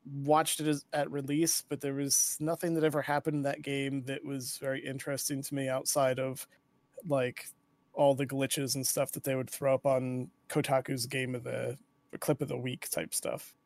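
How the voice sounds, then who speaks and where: A man's voice: mid-range voice, level tone, moderate pace, a little mellow. A man in a casual gaming chat, dismissive and reflective about games.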